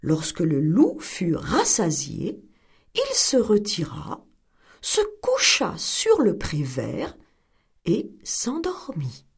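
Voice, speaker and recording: A woman reading a fairy tale aloud in an expressive, dramatic storytelling manner. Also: lowish voice, slow, vocal fry, slightly rough.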